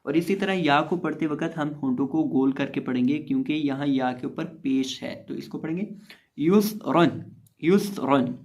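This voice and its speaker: A man teaches beginners to read, naming each letter and vowel mark before sounding the syllable out slowly and with emphasis. Between drills he explains the rules in an even, patient way. His voice sits a little high for a man. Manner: spells letters then recites syllables loudly and slowly, explains calmly. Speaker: Quran recitation teacher. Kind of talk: slow spelled-out recitation lesson.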